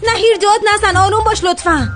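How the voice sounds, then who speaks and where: A woman playing a calm, reassuring young woman in a dubbed TV drama, speaking in a soothing, calming way. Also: very high-pitched, over music.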